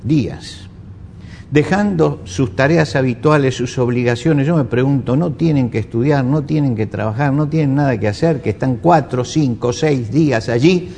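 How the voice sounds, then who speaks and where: A man's voice: mid-range voice, moderate pace, vocal fry, mellow, slight background noise. A man with an Argentine accent preaching a sermon, asking rhetorical questions and repeating phrases for emphasis. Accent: Argentine Spanish. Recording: echoey hall with faint ambience.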